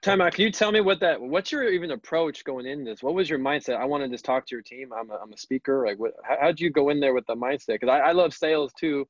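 A male interview host who once trained salespeople asks rapid follow-up questions at a brisk clip. The recording is dry and dull, with a lo-fi quality. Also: mid-range voice, no room sound. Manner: quick probing questions. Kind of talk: conversational interviewing.

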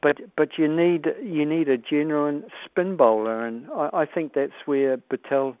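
Calling a talkback radio program by phone, a New Zealand man chats casually but hesitantly, with plenty of fillers. His slightly high voice is clear and resonant, a bit slow, with no echo despite the dry, tinny phone audio.

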